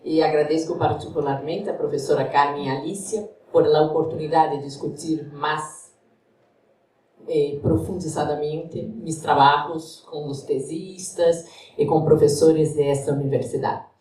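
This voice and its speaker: A Brazilian guest lecturer whose first language is Portuguese delivers an academic lecture, partly read aloud, in a university lecture hall. Speaking carefully with a Brazilian Portuguese accent, she searches for words in her second language; her low, darkish voice is a little slow with fairly even intonation. The echoey hall is recorded from far off.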